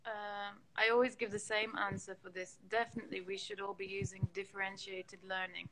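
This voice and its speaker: A woman's voice: medium pitch, little pitch movement, fairly quick, noisy background. A woman educational coordinator answering interview questions over a video call on a choppy connection with clicks, explaining her points step by step. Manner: explains points step by step, repeating phrases for emphasis.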